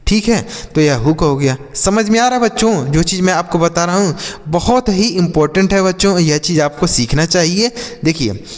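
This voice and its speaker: A man teaching a video lesson to students, spelling letters out slowly and deliberately and often asking them to check along. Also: sits high, animated, long reverb tail. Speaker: English teacher. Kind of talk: classroom-style video lesson.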